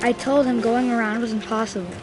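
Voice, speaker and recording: A woman's voice: a little high, level tone, fast, over music, natural voice, low-quality recording. A woman playing a child who narrates memories of a stubborn twin, in a wistful, scripted storytelling style. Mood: wistful, reflective.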